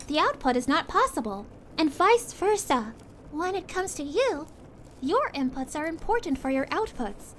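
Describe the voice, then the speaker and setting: A woman voicing a sweet, caring young princess in a calming roleplay, speaking to a friend in a gentle, reassuring, chatty way. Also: sits high, a little hiss or hum. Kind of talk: calming ASMR audio roleplay.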